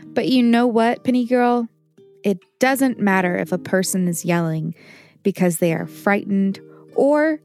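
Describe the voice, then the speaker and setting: Woman doing a soft reassuring mom talking to her kid, kids show. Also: medium pitch, close to an everyday voice. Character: caring mother, warm and reassuring. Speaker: mother.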